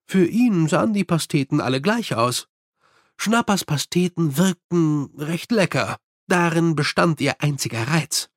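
A man narrating an audiobook in a steady storytelling manner. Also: a little high, a little slow, dry recording, studio quality. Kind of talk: scripted narration.

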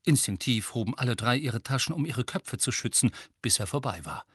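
Calm male audiobook narrator. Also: mid-range voice, a little fast, slightly rough, no room sound, clean studio sound.

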